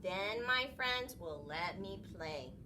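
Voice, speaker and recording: A woman's voice: medium pitch, lively intonation, takes it slowly, background noise. A woman voicing an eager, big-hearted young boy shark in a storybook read-aloud. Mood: chanting, self-reminding.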